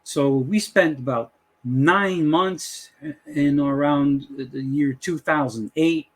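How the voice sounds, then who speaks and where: Here the channel host, a middle-aged man from the Dutch West Indies, talks slowly at a fairly high pitch. His Dutch accent comes through as he rambles, packed with fillers, through the intro of a casual screen-share tutorial.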